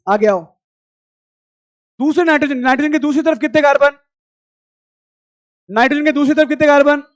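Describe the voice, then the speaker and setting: High-voiced male teacher shouting in class. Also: dry recording. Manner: loud, scolding and coaxing students. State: strained throat. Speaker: chemistry teacher. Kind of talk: classroom lecture.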